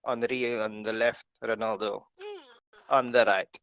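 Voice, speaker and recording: A man's voice: lowish voice, flat delivery, unhurried, a bit bright. A man hosting a casual video call, reading through lists with lots of "uh" and "um" fillers. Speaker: host.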